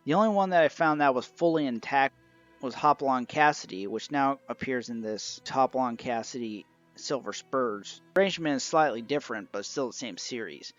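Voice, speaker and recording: Over background music, a reviewer gives a casual rundown of an old radio show collection he has been listening to. His voice sits at a medium pitch, and the audio is dull.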